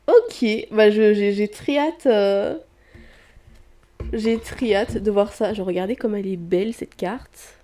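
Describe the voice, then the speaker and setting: A young woman chats casually into the camera about her reading. Her voice is warm and mellow. She rambles, restarts her sentences and fills the pauses with hesitations. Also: fairly high pitch. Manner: chatty, hesitant with many fillers and restarts. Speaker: book vlogger. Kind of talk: casual vlog chat. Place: indoor room with street traffic outside.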